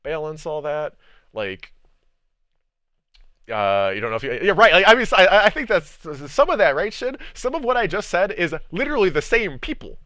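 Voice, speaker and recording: A man streamer chatting casually about a video game, rambling, repeating words and filling gaps with ums and likes, getting animated when making a point. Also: high-pitched, smooth, no room sound. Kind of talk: casual livestream game discussion.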